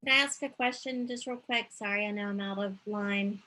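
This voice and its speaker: Bright-voiced woman on noisy call audio. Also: medium pitch, steady tone, brisk. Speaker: board member. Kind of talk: casual questioning in a meeting. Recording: noisy video-call audio with room ambience.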